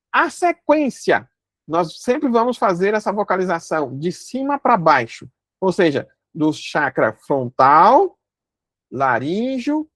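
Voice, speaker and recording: Woman teaching a class, calm and explainy, lots of ums, dry close sound. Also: mid-range voice, no echo. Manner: calm explanatory, many fillers and restarts. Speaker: instructor. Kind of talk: spoken lesson on mantras.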